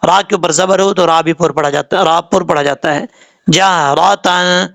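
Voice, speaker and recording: A Quran recitation teacher whose first language is Urdu gives a tajweed lesson in a fairly high, steady, fairly bright voice with a gravelly, creaky edge. He spells out syllables slowly, then rattles quickly through his explanations. When reciting verses, his chant rises and draws out.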